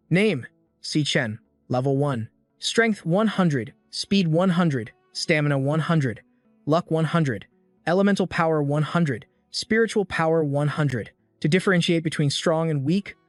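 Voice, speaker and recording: A man narrating a scripted story recap in a steady storytelling read. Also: on the high side, no echo.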